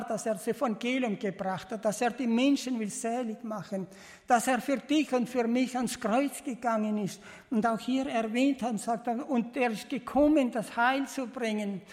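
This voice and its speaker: A man preaching an earnest, fervent Bible sermon as a lay preacher, speaking in halting, loosely built sentences that restart and repeat. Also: very high-pitched. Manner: earnest, repetitive, addresses listeners as beloved. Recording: long reverb of a large hall.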